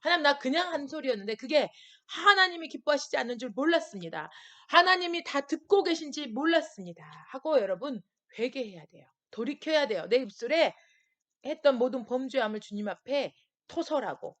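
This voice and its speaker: High-voiced woman pastor preaching. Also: fairly bright tone. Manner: acts out voices of people and God in quoted asides; asks listeners frequent questions. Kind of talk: youth worship sermon. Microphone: screen-recorded stream.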